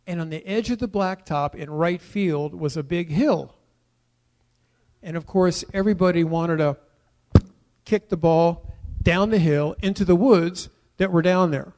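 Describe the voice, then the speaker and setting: A man preaching a sermon, with a voice that sits a little high. He drops to quiet asides and personal stories, then rises into loud declarations, and puts questions to his listeners. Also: a little slow. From United States. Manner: tells personal stories and asks the congregation questions. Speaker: pastor.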